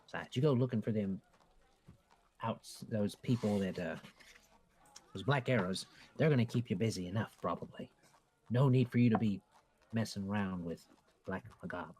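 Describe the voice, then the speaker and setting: Gossipy village schoolmarm, played by a man, husky and low, hushed folksy tabletop game storytelling. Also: moderate pace, long pauses. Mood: ominous, folksy. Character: small-town schoolmarm, gossipy woman of learning, spooky rumor teller.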